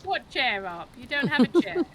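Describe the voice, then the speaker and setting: A woman's voice: high voice, very animated, normal speed, fairly bright tone, slight background noise, low-quality recording. A woman playfully teasing friends and thanking her chat during a casual game stream. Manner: playful, teasing, sings silly bits. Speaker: streamer, co-host.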